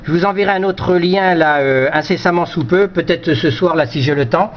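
On dull, slightly noisy lo-fi audio, a man whose voice is a little high chats at a moderate pace over two-way amateur radio. His talk is casual and hesitant, with many repeated words.

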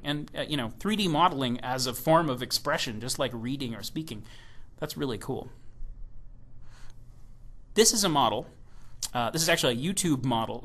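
A man with a bright, forceful voice pitched a little high delivers a recorded keynote presentation. He talks with enthusiasm and slips in playful jokes between points. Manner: enthusiastic, joking asides. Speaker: software evangelist giving a keynote.

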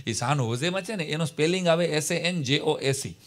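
A man telling comic stories on a live stage, acting out dialogue in lively voices. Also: a little high, a little fast. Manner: animated, acts out dialogues, bursts of laughter. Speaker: stand-up comedian and storyteller. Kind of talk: live stage comedy storytelling.

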